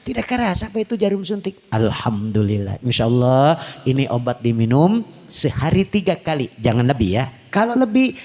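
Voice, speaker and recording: A man with a Sundanese accent preaching a comic sermon, acting out characters with shouted lines and quiet asides. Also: mid-range voice, very animated, fairly quick. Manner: switches between Sundanese and Indonesian.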